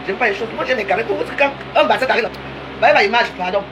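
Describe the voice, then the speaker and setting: A woman's voice: on the high side, racing. A woman, rambling and teasing in a casual live-stream rant. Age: 50s. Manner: chatty, rambling, teasing, addresses viewers directly. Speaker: social media live streamer. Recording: noisy live-stream audio.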